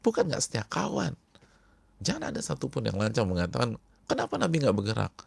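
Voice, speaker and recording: A man preaching a sermon to a congregation, speaking emphatically and repeating key words, often dropping to hushed tones. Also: medium pitch, big pitch swings, brisk, gravelly, slightly rough, no echo. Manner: addresses the congregation directly. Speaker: Islamic preacher.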